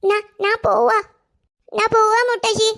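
A woman's voice: very high-pitched, little pitch movement, a little slow, creaky, fairly bright tone, voice pushed up, full character voice. A woman voicing a little toddler girl in a cartoon, using lisping baby talk. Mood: babbling.

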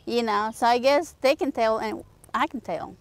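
A woman from North Carolina with a North Carolina accent, telling a story in a lively way in a documentary interview. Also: on the high side, normal speed.

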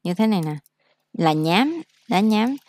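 A woman teaching English vocabulary in a casual lesson, explaining slowly and repeating each word for practice. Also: medium pitch, expressive, darkish tone, dry recording.

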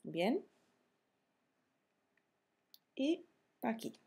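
A woman teaching verb conjugations in a slow, careful tutorial, spelling out each form deliberately. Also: a little high, big pitch swings, gravelly, dark tone, breathy edge. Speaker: Spanish teacher.

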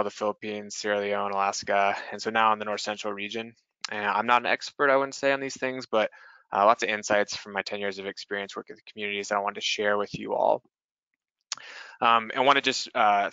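Presenting a webinar in an earnest, measured manner, this Pacific Northwest man uses a few fillers. His voice is lowish yet bright and crisp, and the dry, somewhat dull sound with no room sound suggests a video-call microphone.

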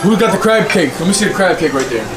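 A man's voice: high voice, animated, fast talker. A man giving casual, slangy and enthusiastic commentary for a vlog. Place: ship restaurant. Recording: loud music over voice.

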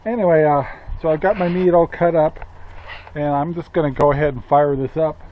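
Brisk and fairly even in intonation, an older man's higher-pitched voice comes through narrow, tinny audio as he hosts a laid-back cooking vlog. He rambles folksily with many "uh"s and little chuckles, shifting between a yard by the grill outdoors and a cluttered room inside.

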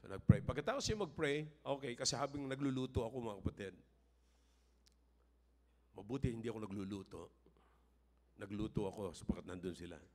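An older man with a Filipino accent, a pastor giving a sermon that moves between emphatic, raised-voice appeals and relaxed personal storytelling. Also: mid-range voice, fairly quick, pauses often.

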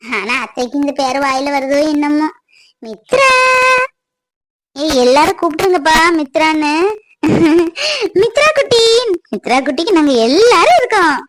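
A woman's voice: sits high, brisk, close to an everyday voice. A woman voicing a doting grandmother in a cartoon, cooing at a baby in a sing-song way. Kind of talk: cartoon voice acting.

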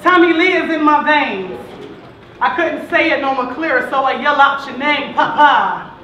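A woman performing spoken word poetry on stage, rhythmic and rising to shouts. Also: high voice, moderate pace, a little hiss or hum. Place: large hall. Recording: echoey hall from far off.

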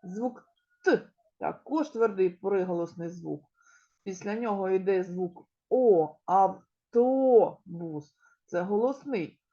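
A woman kindergarten teacher with a Ukrainian accent gives a slow, clearly articulated literacy lesson, stretching out key words and asking the children questions. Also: mid-range voice, dark tone, lo-fi sound. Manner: addresses children directly and asks them questions. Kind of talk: recorded preschool literacy lesson.

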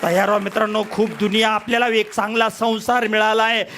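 A middle-aged man giving an emotional motivational speech, shouting and repeating rallying cries to his audience. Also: high voice, flat delivery, a little fast, a little hiss or hum. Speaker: motivational speaker.

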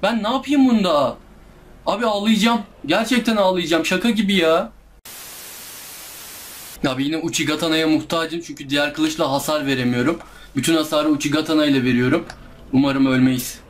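A man's voice: on the high side, fairly quick. A young man commenting live on a hard game he is playing, exasperated, groaning and pleading with the enemies as he keeps losing. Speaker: gameplay streamer.

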